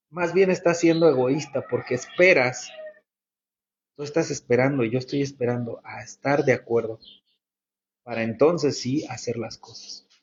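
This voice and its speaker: A man's voice: mid-range voice, unhurried, long pauses, slight background noise. A man preaching a sermon as a pastor, earnest and repetitive, asking the congregation rhetorical questions. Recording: muffled lo-fi sound.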